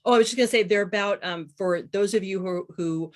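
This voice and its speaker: A woman in her fifties, appearing as a guest author in an interview, chats casually and explains things. Her voice is mid-range and fairly quick.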